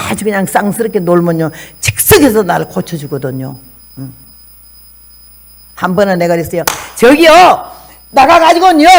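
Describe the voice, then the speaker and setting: A woman in her eighties, from Korea, preaching a testimony sermon as a missionary and telling stories animatedly. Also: medium pitch. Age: 80s. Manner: animated storytelling, acting out quoted dialogue.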